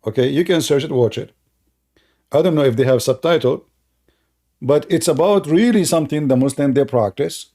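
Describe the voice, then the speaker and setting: With a fairly high pitch and a moderate pace, a mellow-voiced online host spins a mocking tale for his audience. He leans on repetition, saying phrases again to emphasize them, in a loose, informal style.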